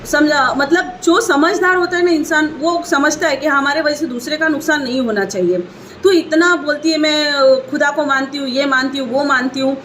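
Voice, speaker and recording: A young woman with a high, bright-pitched voice rants indignantly in a home vlog, filmed on a phone. She hammers the same complaints again and again with rising heat. A faint hum of room noise sits behind her. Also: normal speed. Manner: indignant, ranting, repeats points. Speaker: online seller and vlogger.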